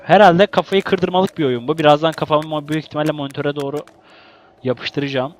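A young man giving casual let's-play commentary, excitable, exclaiming and grumbling at the game. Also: on the high side, brisk, a little hiss or hum. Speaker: gaming YouTuber.

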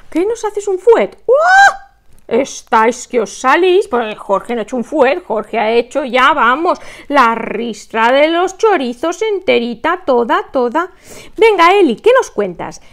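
A woman's voice: high-pitched, lively intonation, a little slow. A middle-aged woman, hosting a crochet channel, chatting casually, reading viewer comments aloud and counting stitches between laughs. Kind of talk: casual chat while crocheting.

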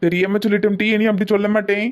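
A woman's voice: medium pitch, flat delivery, very fast, close to an everyday voice. A woman voicing an exasperated middle-aged village husband in a cartoon comedy, brusque and weary.

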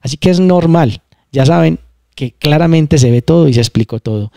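A man's voice: fairly high pitch, moderate pace, vocal fry, mellow, dry recording, studio quality. A man hosting a casual spiritual talk, explaining emphatically and repeating his points. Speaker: channel host.

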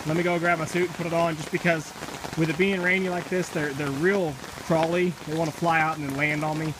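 A man walks through his backyard beekeeping work, explaining in a relaxed, chatty way with plenty of fillers. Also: medium pitch. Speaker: beekeeper vlogger. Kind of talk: casual walk-through narration. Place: backyard under a canopy in the rain, outdoors. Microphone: handheld camera mic. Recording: rain noise on camera mic. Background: steady rain on the canopy.

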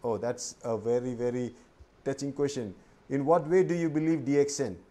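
A man's voice: medium pitch, normal speed, mellow. A man hosting a video-call interview, reading out viewer questions with joking asides. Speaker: host. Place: indoor room with bookshelves.

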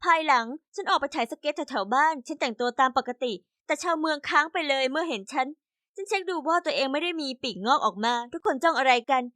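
A woman telling a first-person animated story in a chatty way, also voicing the other characters. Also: high-pitched, quick pace, no echo, clean studio sound. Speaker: narrator.

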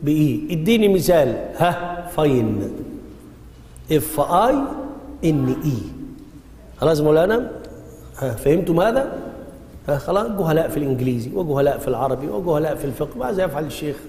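A man's voice: fairly high pitch, lively intonation, fairly quick, long pauses, dark tone, a little hiss or hum. A man with an Egyptian accent teaching a religious lesson, often firing questions at his students and waiting for them to answer. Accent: Egyptian Arabic. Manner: quizzes students with frequent call-and-response questions. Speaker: Islamic jurisprudence teacher. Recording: echoey hall reverb.

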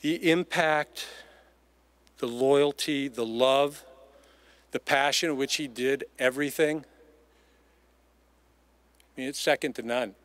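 A middle-aged man delivers a heartfelt memorial tribute as a eulogist, standing at a mic stand outdoors in an empty baseball stadium. His medium-pitched, fairly bright voice moves slowly with fairly even intonation and frequent pauses, and he speaks emphatically, repeating phrases for weight.

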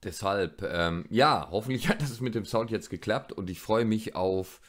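A man's voice: lowish voice, moderate pace. A man hosting a let's play with casual, rambling gameplay commentary, often repeating himself. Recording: clearly noisy with game ambience.

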